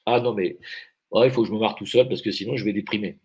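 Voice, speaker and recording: A man ranting sarcastically on a live stream, swinging from shouting to mutters. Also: fairly low pitch, fast. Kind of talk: satirical rant on a live stream.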